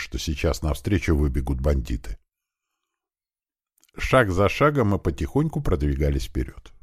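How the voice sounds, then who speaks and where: A man's voice: low voice, a little mellow, no room sound. A man narrating a first-person audiobook with a tense, vivid storytelling manner on a close studio mic.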